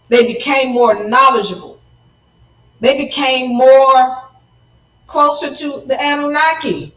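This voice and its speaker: High-voiced woman lecturing on a livestream. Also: a bit bright, roomy sound, far from the mic, low-quality recording. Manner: emphatic, lecturing, speeds up and slows down for stress. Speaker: livestream host. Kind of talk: livestream commentary. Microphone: phone.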